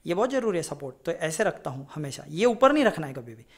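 A man's voice: on the high side, very animated, fast, husky. A man teaching a casual flute lesson, chatty and rambling, often checking in with his students. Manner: chatty, rambling, digresses into advice; repeats "ठीक है?" to check in. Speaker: music teacher.

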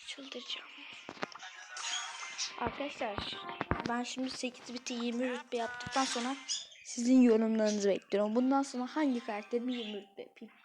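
A woman giving excitable, easily frustrated commentary on a mobile game she plays, talking straight to her viewers. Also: a little high, normal speed. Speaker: gaming channel host. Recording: clear background game music.

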